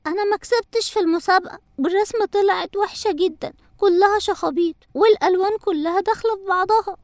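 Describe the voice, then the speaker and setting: An impatient little cartoon girl, voiced by a woman with an Egyptian accent and a very high, childlike voice. She whines and complains quickly. The sound is dry and close to the mic. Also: a little mellow, dry recording. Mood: sheepish. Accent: Egyptian Arabic. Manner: whiny, impatient. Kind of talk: cartoon voice acting.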